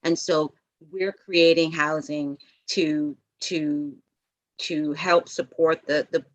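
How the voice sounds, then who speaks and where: A woman's voice: low-pitched, fairly even intonation, slow, dull audio. A woman presenting a housing proposal at a public meeting over a video call, hesitant and full of fillers. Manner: hesitant, many fillers and restarts.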